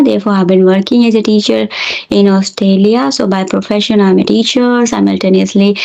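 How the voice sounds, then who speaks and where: A woman's voice: mid-range voice, creaky, dark tone. A middle-aged woman from India who teaches English, chatting in a friendly, encouraging way with small slips and restarts, on a lo-fi call. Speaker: English teacher and channel host. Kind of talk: casual conversation practice. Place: Australia. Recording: lo-fi online call audio.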